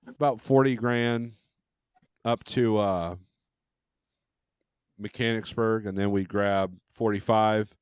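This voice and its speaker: This fifties-aged host from California, who works as a truck driver and dispatcher, trades stories in a relaxed open-forum session. He has an American accent and a smooth, lowish voice captured with clean, dry studio sound.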